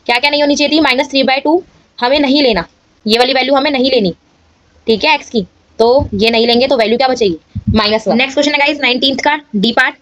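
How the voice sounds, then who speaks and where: Female maths tutor, high voice, dry close sound, walks students through each step. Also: fast, fairly bright tone, dry recording. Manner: explains steps aloud, checks in often. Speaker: maths teacher.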